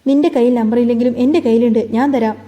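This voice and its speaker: A woman voicing a furious middle-aged mother who shouts and scorns over the phone. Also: on the high side, steady tone, quick pace, muffled recording, close to an everyday voice.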